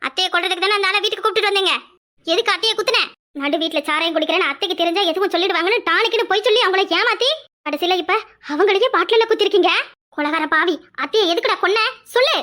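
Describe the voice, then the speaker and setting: A woman's voice: very high-pitched, rapid-fire, sharp tone, dry recording, clean studio sound. A woman voicing a frantic young daughter-in-law in a cartoon, wailing and accusing. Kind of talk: cartoon voice acting.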